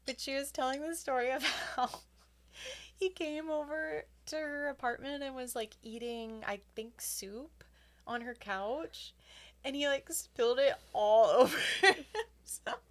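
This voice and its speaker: A young woman in casual podcast chat with her co-host, telling stories in an animated way and laughing often. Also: high voice, unhurried.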